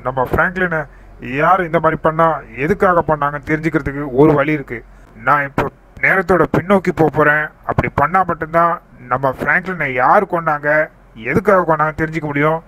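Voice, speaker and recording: A man narrating a role-play game story, reassuring the other characters and explaining what he sees. His voice sits slightly high with a playful lift. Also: steady tone, fairly quick, pushed and bright, slight background noise, low-quality recording.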